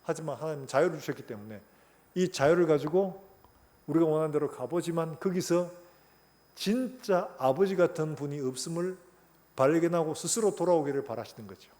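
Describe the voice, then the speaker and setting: A man's voice: a little high, fairly quick, warm tone. A middle-aged man preaching a sermon as pastor, telling a story animatedly and acting out its voices.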